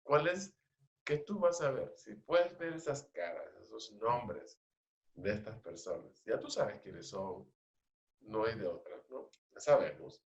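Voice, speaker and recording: Male agile coach, slow, questioning delivery, low voice, roomy and dull call audio. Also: animated. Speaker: agile trainer. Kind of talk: interactive training session.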